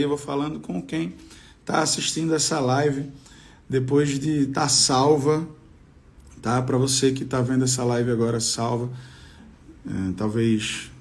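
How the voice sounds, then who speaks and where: A man's voice: medium pitch, darkish tone. A Brazilian man hosting a casual live stream in a slangy, rallying gym-bro style. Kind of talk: casual hype live chat.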